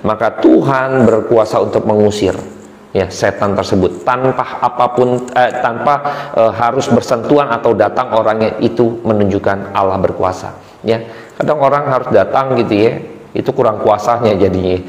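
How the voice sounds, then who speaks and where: A middle-aged man preaching a sermon as pastor, talking in a chatty, animated way with many fillers. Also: fairly low pitch, normal speed. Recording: roomy hall with long reverb.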